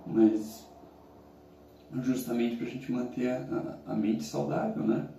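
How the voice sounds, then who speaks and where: A middle-aged man with a Brazilian accent talks casually and reflectively in halting phrases while sitting in ice cold water. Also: mid-range voice, fairly even intonation, vocal fry, warm tone. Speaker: challenge vlogger. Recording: roomy, echoing, distant mic, faint noise.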